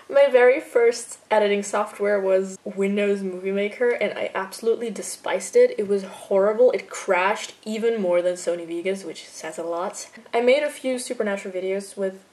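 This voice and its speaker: An Austrian woman whose first language is German answers viewer questions in a casual Q&A vlog about her fan video editing. She's chatty and laughs easily, leaning hard on fillers like "like," in a mid-range, darkish voice at normal speed.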